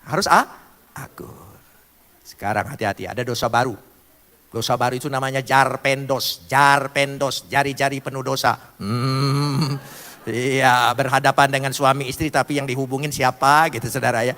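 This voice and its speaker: A male pastor preaching a sermon in a playful, lively way, with wordplay and questions thrown to the congregation. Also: medium pitch, moderate pace, big-room sound.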